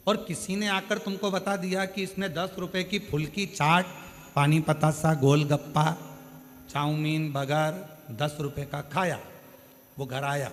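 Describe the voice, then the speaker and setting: A man's voice: fairly high pitch, big-room sound. A man delivering a sermon, preaching in dramatic bursts with many rhetorical questions.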